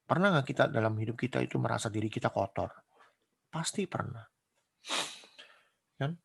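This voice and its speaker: A man delivers a casual, conversational sermon. His mid-pitched voice has a gravelly edge, and he peppers the talk with rhetorical questions and lively acted-out quotes. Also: normal speed. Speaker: preacher.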